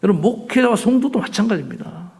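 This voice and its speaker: Male pastor, sermon voice, high and lively, gravelly edge, soft-to-loud delivery. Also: fast. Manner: animated preaching, swinging between soft near-whispers and loud outbursts.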